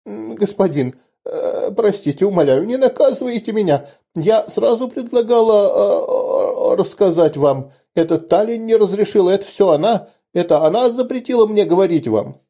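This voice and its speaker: A man's voice: high-pitched, lively intonation, moderate pace, vocal fry, warm tone, breathy edge, voice pushed up, heavily acted. A man voicing a frightened young concubine who stammers and begs tearfully. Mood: panicked pleading. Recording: dull lo-fi recording.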